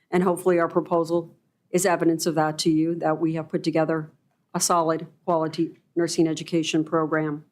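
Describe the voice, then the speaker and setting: A woman giving a formal prepared presentation to a board as a school representative, in deliberate, measured phrases. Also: lowish voice, darkish tone.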